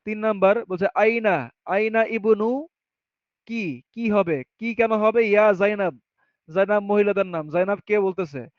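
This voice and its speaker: Male grammar teacher with a high voice who explains step by step and asks then answers his own questions. Close, dry, muffled recording. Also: a little slow, no echo. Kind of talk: classroom grammar lesson. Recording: dull, muffled sound.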